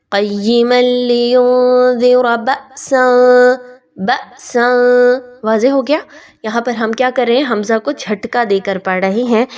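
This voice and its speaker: A woman teaching Quran recitation. She explains each rule patiently, then recites the words slowly and drawn out, repeating them several times. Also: fairly high pitch. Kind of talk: tajweed lesson with slow recitation.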